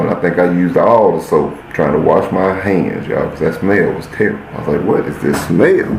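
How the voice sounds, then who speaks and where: A man with a very low, gravelly voice tells a story on his podcast in a loose, casual way, calling out "y'all" to his listeners and acting out each scene. The sound is roomy and echoey, with a faint hiss underneath. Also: darkish tone. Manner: addresses listeners as "y'all", acts out scenes while telling. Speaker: podcast host.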